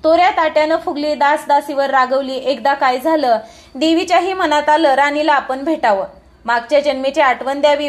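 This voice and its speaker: A woman reads a devotional tale aloud in a high voice. Her phrasing is rhythmic and measured, line by line. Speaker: storyteller. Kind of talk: devotional story reading.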